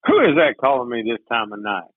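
A man's voice: mid-range voice, very animated, fast talker, background noise. A man who is a city mayor, calling in to a radio show over phone call audio and chatting in an easygoing, upbeat way. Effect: tinny phone call audio. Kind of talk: casual radio chat. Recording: dry tinny phone line.

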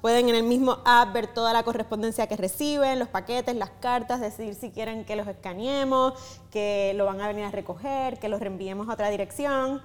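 A woman's voice: on the high side, steady tone, fairly quick, big-room sound. A woman, a company head, explaining her work eagerly as a podcast guest. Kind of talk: podcast interview.

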